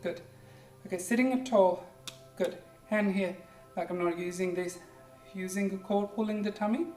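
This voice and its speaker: An Indian yoga instructor in their forties, native in Hindi or Punjabi and speaking English with an Indian accent, coaches a class through gentle, encouraging cues and a pep talk. A steady, mid-range voice keeps a moderate pace, repeating simple instructions and saying "good" repeatedly. Sound comes from a distant mic in an echoey room, with faint music behind.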